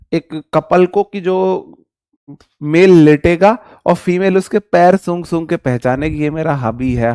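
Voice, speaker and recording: A man's voice: on the high side, a little mellow, clean tone, no echo, clean studio sound. A man teaching vocabulary in a live online lesson, chatty and joking, calling his viewers brother.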